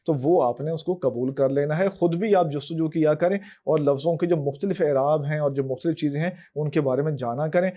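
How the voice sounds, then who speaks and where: A man with a Pakistani Urdu accent teaching a language lesson, dictating letters and vowel marks one by one in a steady, methodical way. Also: fairly high pitch. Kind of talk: scripted lesson narration.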